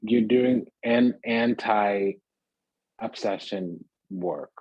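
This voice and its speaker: A man's voice: on the low side, very slow, dry recording, muffled recording. A man giving a casual, rambling tarot reading to viewers, piling up phrases in lists and checking in with "does that make sense?". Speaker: tarot reader.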